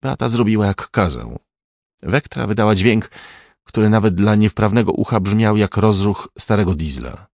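Male narrator, very low voice, dry close sound, measured reading. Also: darkish tone, dry recording. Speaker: audiobook narrator. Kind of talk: scripted narration.

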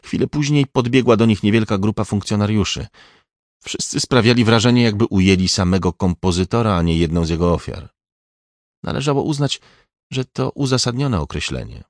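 A man reading an audiobook in a measured, even scripted narration. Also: lowish voice, no room sound, studio quality.

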